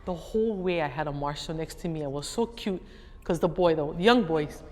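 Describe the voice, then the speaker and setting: Her voice is low and brisk as she, a middle-aged educator with a Hawaiian accent, performs a lively story for an audience as a guest speaker, imitating others' voices along the way. Faint background noise and hall echo surround the recording.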